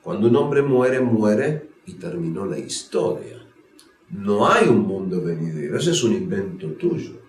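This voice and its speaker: Un hombre que interpreta a un antiguo saduceo escéptico, que discute con preguntas incrédulas. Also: male voice, fairly low pitch, very animated, measured pace, darkish tone. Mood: dismissive. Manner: argumentative, incredulous questions. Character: skeptical ancient Sadducee man, blunt and dismissive. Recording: roomy echo.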